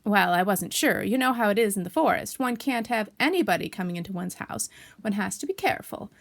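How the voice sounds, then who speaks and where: A woman's voice: mid-range voice, lively intonation, fairly quick, creaky. A woman voicing a fussy, cautious but polite male rabbit in a children's storybook, prim and evasive in manner. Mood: politely welcoming. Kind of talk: children's storybook character reading.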